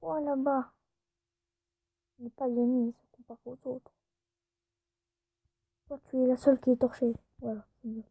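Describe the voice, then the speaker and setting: A woman's voice: high voice, fairly even intonation, moderate pace, creaky, pauses often, breathy edge, no echo. A woman YouTuber giving casual gameplay commentary, chatty and often dropping into whispered asides. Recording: tinny phone-like recording.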